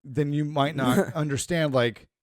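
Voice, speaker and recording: A man's voice: fairly high pitch, measured pace, no echo, studio quality. A middle-aged man co-hosting a podcast, telling rambling stories in casual chat and acting out the people in them. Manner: rambling storyteller, animated retellings. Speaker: podcast co-host.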